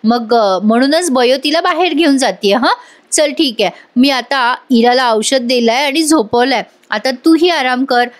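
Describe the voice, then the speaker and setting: A woman voicing a gentle, worried father who speaks kindly to his family. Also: sits high, a little slow. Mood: caring.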